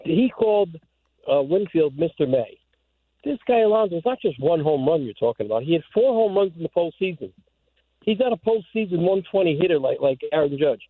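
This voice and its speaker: A man's voice: a little high, animated, brisk, dry recording. A man calling a sports radio show from his car phone, insistent, with stumbling restarts. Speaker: caller. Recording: tinny car phone line.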